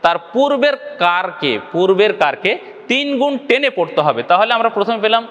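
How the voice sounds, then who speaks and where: Bangladeshi Bengali teacher, male, high voice, patient and repetitive, long reverb. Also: sing-song, fairly quick, fairly bright tone, dull audio, a little hiss or hum. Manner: patient, repeats each point, often asks the viewer if they follow. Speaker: Quran recitation teacher. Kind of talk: video lesson.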